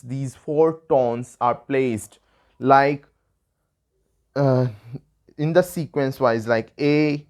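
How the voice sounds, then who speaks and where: A young Indian man teaches in an Indian English accent, speaking slowly and taking each point one at a time. His voice is smooth and clear, and he pauses to model sounds for the learner. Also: mid-range voice. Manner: patient, explains step by step, demonstrates sounds. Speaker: language tutor. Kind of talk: online language lesson.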